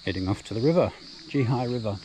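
An Australian man showing off his camping setup in a relaxed, plain-spoken walk-through, filmed outdoors on a handheld camera. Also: mid-range voice, noisy background. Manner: relaxed, plain-spoken, unhurried tour guide. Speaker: camping vlogger. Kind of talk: casual walk-through narration. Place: outdoor bush campsite. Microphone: handheld action camera.

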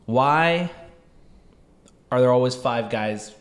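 A man's voice: medium pitch, slow. A man in his thirties with a Toronto accent, bantering as a podcast co-host in a slangy, teasing way. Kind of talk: casual banter. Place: small indoor podcast studio. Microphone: close podcast microphone on stand.

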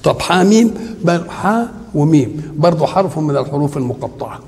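A man with an Egyptian Arabic accent gives a religious lecture on Quran commentary, his voice a little higher than most men's and rough with gravel. He keeps throwing rhetorical questions at his listeners for them to finish. The recording carries the long reverb of a large hall. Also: lively intonation, a little fast, a little mellow. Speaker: Quran teacher.

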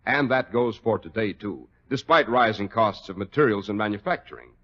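Heard through a dull, lo-fi 1940s radio recording, this young American man speaks in a fairly low voice at a moderate pace, close to his everyday voice. In the scripted show he's a genial, polished announcer and emphatic salesman who calls on an old doctor.

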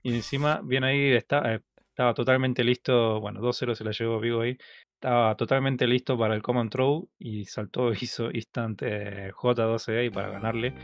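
A man's voice: mid-range voice, steady tone, moderate pace, vocal fry, dry recording. A man with an Argentine Spanish accent giving casual, chatty analysis as a colloquial fighting game co-commentator. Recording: game music behind the voice. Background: fighting game music.

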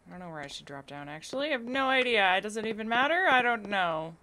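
A woman's voice: mid-range voice, expressive, quick pace. A young adult woman giving casual live gameplay commentary, playfully musing aloud to herself. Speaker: video game streamer. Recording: clearly noisy live stream with clicks.

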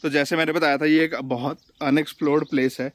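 A man with an Indian accent vlogs to his phone camera from a hillside viewpoint outdoors, chatting casually and enthusiastically while mixing Hindi and English informally. He talks fast in a fairly high, fairly bright voice with a level tone.

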